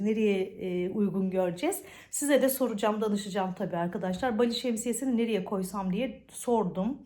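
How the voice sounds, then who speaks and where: Chatty woman with a stuffy cold. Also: mid-range voice. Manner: chatty, warm greetings and religious blessings. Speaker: vlogger. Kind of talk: casual home vlog chat. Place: at home, indoors.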